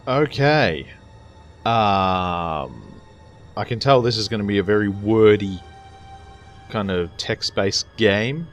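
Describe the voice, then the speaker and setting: A man's voice: lowish voice, lively intonation, slow pace, long pauses, faint music behind. A man hosting a gaming video with casual gameplay commentary.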